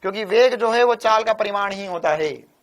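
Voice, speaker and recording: A man teaching physics in a live online exam-prep lecture, with a hoarse voice worn from shouting, animated and teasing as he answers his own questions in a student's voice. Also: sits high, moderate pace. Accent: Hindi.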